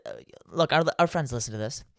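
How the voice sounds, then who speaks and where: A man's voice: mid-range voice, fast, no room sound, studio quality. A man co-hosting a casual podcast, joking, laughing often and slipping into sing-song bits while reading posts aloud. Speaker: podcast co-host.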